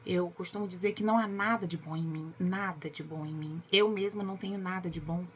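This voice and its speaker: A woman's voice: on the low side, fairly quick, slight background noise. A woman who reads and reflects on a Bible passage in a chatty, devotional way and often asks for agreement. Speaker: Bible teacher.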